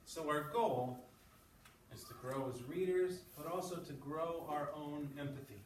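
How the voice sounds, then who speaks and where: This man's voice is a little high and unhurried as he teaches an English class, explaining points, reading aloud and checking in often with quick questions. He's captured from a distance in an echoey room, off mic, with background noise.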